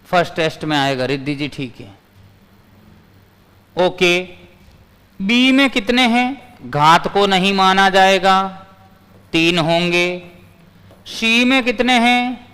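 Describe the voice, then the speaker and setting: A man's voice: high-pitched, takes it slowly, long pauses, bright, forceful tone, clean tone, long reverb tail. A male physics teacher giving a live online class, repeating his points and answering viewers' comments as he goes.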